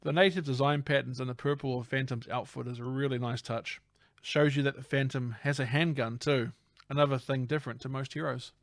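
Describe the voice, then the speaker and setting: A man's voice: medium pitch, fairly bright tone, dry recording, clean studio sound. A man co-hosting a casual film podcast, narrating scenes playfully. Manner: playful narrating recap, breaks into silly voices. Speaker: podcast co-host.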